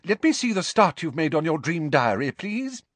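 A man's voice: sits high, sing-song, slow pace, no room sound, voice pushed up, exaggerated voice. Man doing a shaky, theatrical mystic woman. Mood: brisk. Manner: resentful, shaky ethereal mystic voice. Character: woman, eccentric, theatrical, indignant fortune-teller teacher.

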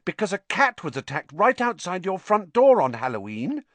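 A man voicing a sensible young schoolgirl in an audiobook, brisk, matter-of-fact and mildly sceptical. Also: sits high, big pitch swings, no room sound, voice pushed up. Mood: hurried. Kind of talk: audiobook character acting.

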